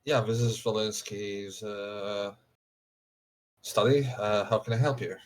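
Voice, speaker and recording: A man playing a gentle, helpful therapist in his fifties for a tabletop game, courteous and hesitant. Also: on the low side, steady tone, takes it slowly.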